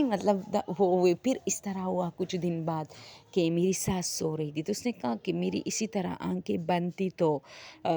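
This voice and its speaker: A woman casually retelling a ghost story, talking to listeners as friends and dropping to a hushed voice in the eerie parts. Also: fairly low pitch, creaky. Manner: conversational, many fillers, addresses listeners as friends.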